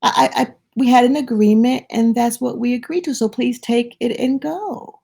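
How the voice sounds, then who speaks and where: A generous male landowner, as a woman acts him out, reasoning patiently in a raised, questioning voice. The tone is gravelly and darkish, and he speaks at a measured pace. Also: a little high, mellow, pitched above the performer's own voice.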